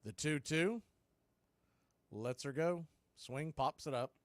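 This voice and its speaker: With lively intonation, a radio announcer briskly and conversationally calls a live baseball game pitch by pitch, keeping up with the count. His voice runs a touch high for a man, captured dry and close with no echo.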